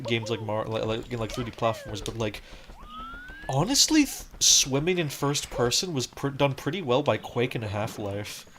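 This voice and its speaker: A streamer with a mid-range, fairly bright voice gives casual let's-play commentary against game music and slight background noise. He wanders off track, says "like" constantly, and keeps starting his thoughts over.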